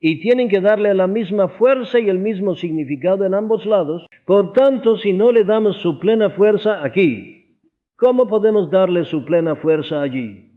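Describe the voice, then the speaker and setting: A man's voice: high voice, lively intonation, moderate pace. A man reading a sermon aloud in an earnest, explanatory way, stressing key words. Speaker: audiobook reader of a sermon. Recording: tinny phone-like audio.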